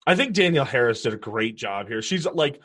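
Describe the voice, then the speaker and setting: A man's voice: mid-range voice, expressive, brisk, a bit bright. A man casually chatting through a movie commentary, cracking jokes and laughing often. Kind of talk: casual movie watch-along chat.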